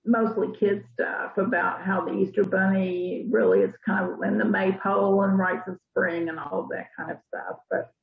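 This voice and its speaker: A woman from Arkansas telling stories from her life in an interview, in a thoughtful, unhurried way. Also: mid-range voice, steady tone, creaky. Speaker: interviewee, church member. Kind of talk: casual storytelling interview. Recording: tinny phone-like line.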